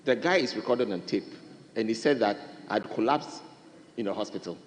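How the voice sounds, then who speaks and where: A man's voice: on the low side, expressive, normal speed. A man with a Ghanaian accent giving an insistent parliamentary debate speech as a member. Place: large parliament chamber. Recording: echoing chamber with long reverb.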